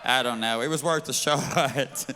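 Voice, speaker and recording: A man's voice: medium pitch, measured pace, bright, forceful tone, long reverb tail, a little hiss or hum. A man with a Southern US accent doing a brash, bawdy, drawling live stand-up set on a bar stage. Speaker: stand-up comedian.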